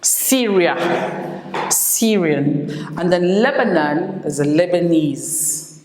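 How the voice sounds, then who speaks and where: A woman teacher giving an English lesson, slowly repeating each word for her pupils. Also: on the low side, darkish tone. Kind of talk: classroom lesson. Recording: echoey room with long reverb.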